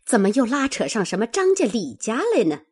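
Brief: woman doing a fierce noble lady, cutting and scornful, husky voice, pitch jumps high. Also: huge pitch swings, a little fast, a little mellow, full character voice. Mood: scolding, mocking. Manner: scolding, mocking, cutting. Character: fierce sharp-tongued noble lady, domineering.

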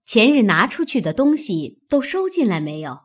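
A woman voicing a shrewd, sharp-tongued noble mistress in an audiobook of a classic novel, with an arch, needling manner. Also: fairly high pitch, sing-song, normal speed, slightly rough.

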